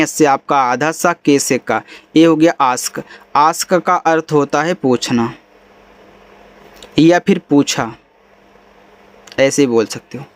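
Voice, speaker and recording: A man teaching English in a spoken lesson, explaining spelling and pronunciation patiently in a casual, friendly way. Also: on the high side. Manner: casual and friendly, says bhai and yaar.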